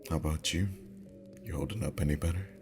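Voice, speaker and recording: A male actor plays a sweet, teasing boyfriend in an intimate ASMR roleplay, speaking softly and without hurry in an extremely deep voice. Background music plays, and the mood is cozy and affectionate.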